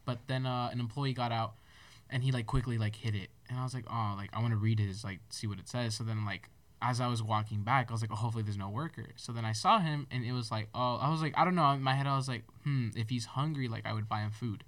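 A man's voice: mid-range voice, fairly even intonation, quick pace, fairly bright tone, no echo, far from the mic. A young man chatting casually, telling a rambling story with lots of fillers and laughter. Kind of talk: casual chat.

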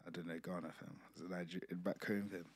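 A man's voice: deep voice, little pitch movement, a little fast, darkish tone, breathy edge. A young man with a London roadman accent, co-hosting a podcast and bantering casually in street slang. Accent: London, roadman street style. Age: young adult. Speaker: podcast co-host.

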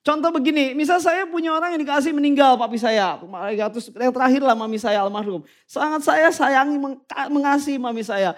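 A man preaches to his congregation in a strikingly high voice. He is animated and talks to them directly. When he reads scripture aloud he slows right down. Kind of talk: sermon.

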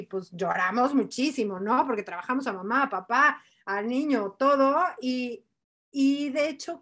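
High-voiced chatty woman host. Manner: chatty, animated, thinks aloud. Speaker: podcast host. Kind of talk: casual chat.

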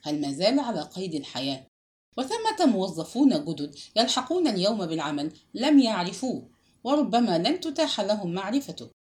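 A woman narrating a literary novel as an audiobook, with a measured, expressive reading. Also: medium pitch.

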